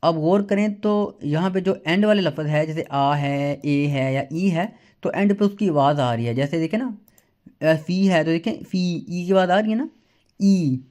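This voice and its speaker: A man's voice: fairly high pitch, normal speed, a little mellow. A man teaching a language lesson, patiently sounding out letters and repeating each sound several times. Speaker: German teacher. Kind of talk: slow spoken language lesson.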